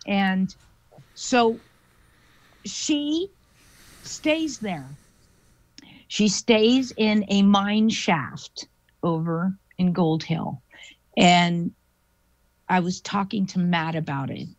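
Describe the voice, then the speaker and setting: A woman, a guest paranormal investigator, telling a story in an animated, chatty way with lots of fillers. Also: medium pitch, very slow, long pauses, no room sound. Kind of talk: casual storytelling interview. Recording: dull lo-fi dry audio.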